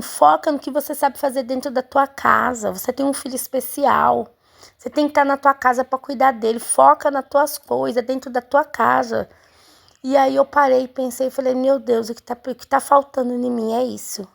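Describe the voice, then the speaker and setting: A woman's voice: a little high, creaky. A woman, a home seamstress telling her viewers a personal story in a chatty way, full of fillers and asides to her audience. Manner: chatty, keeps addressing viewers, many fillers.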